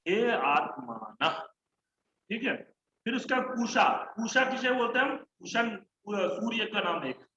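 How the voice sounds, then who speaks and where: A man's voice: very high-pitched, normal speed, bright, forceful tone, reverberant, muffled recording, slight background noise. A man teaching an online Sanskrit class, chanting word forms in rhythmic lists and correcting his students. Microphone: online class call mic.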